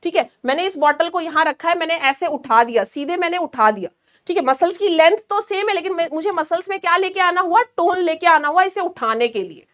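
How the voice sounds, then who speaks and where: High-voiced woman teaching nursing. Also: expressive, a bit bright. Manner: asks the class questions, then answers them herself; explains slowly with hand demonstrations. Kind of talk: online class lecture.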